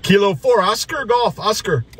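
High-pitched and expressive, his voice is fairly bright with a slight roughness, moving at a moderate pace. The speaker is an American ham radio operator and vlogger in his 50s or 60s, chatting casually in his car as he works the radio amid static and radio noise.

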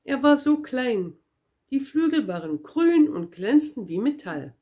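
A woman reads a children's story aloud, unhurried and expressive. Her voice rises and falls widely. The pace is slow and easy. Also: high voice, dull audio. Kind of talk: children's book read aloud.

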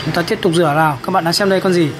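A man's voice: sits high, rapid-fire, heavy background noise. A man narrating a toy video for young children, talking in simple, repetitive, encouraging phrases as if to a toddler.

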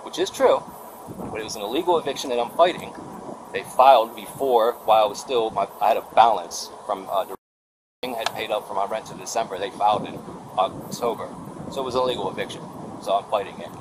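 A man telling his own story in a casual, animated and rambling way, full of restarts and quoted exchanges. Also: lowish voice, brisk. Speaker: tenant vlogger. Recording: noisy outdoor body cam footage.

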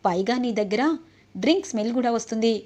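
A woman's voice: on the high side, quick pace, a little mellow, lightly acted. A woman reading the part of a spiteful, scheming older woman of the household.

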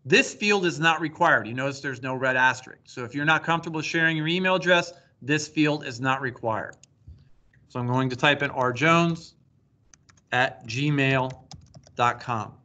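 Bright-voiced man explaining step by step. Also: medium pitch, normal speed. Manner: plain step-by-step instructional delivery. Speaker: school district technology coordinator. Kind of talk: screen-recorded tutorial walkthrough.

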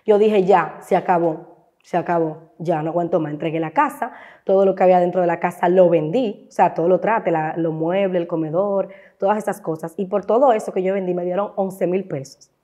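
Her lowish, warm voice stays steady and runs a little fast, though the recording cuts off the highs. She is a Dominican-accented content creator and talk show guest, telling her personal story emotionally and acting out voices from memory.

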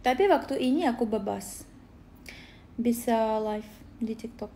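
A woman's voice: fairly high pitch, mellow, a little hiss or hum. A woman from Belarus, chatting casually on a phone livestream and answering comments. She is tired and sleepy, and halts often to search for words. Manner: halting, searching for words, many pauses with "eh".

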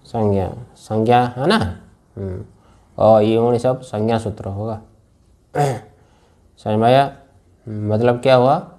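A middle-aged man lecturing on Sanskrit grammar in a classroom. He talks in a slow, mellow, low voice, repeating each rule several times and checking that his students are following. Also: fairly even intonation. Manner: slow and repetitive, drills phrases and checks understanding.

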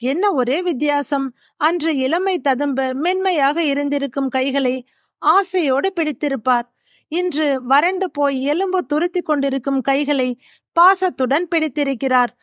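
High-voiced woman storyteller. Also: measured pace, fairly bright tone, dry recording, clean studio sound. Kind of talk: emotional first-person story narration.

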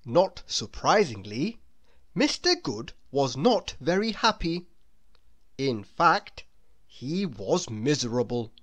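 A woman narrating a children's storybook aloud in an expressive, deliberate storytelling manner. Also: rumbling low.

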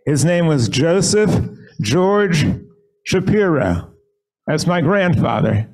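A man acting as rabbi leads a synagogue service from a lectern microphone in the sanctuary, telling a short story earnestly and measuredly. His fairly high voice has a darkish tone and big pitch swings, and the recording is rough.

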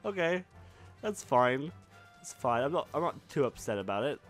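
A man's voice: mid-range voice, sing-song, moderate pace, faint music behind. Casual man commenting on a game. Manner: rambling, self-correcting, swears casually. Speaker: let's play host. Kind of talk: casual gameplay commentary, reading dialogue aloud.

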